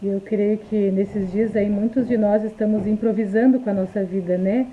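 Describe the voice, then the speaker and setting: A woman talking in a soft, reflective way in a casual live stream, recorded on a phone indoors. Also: medium pitch, fairly even intonation, moderate pace, slight background noise. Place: indoor room at home. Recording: tinny phone livestream.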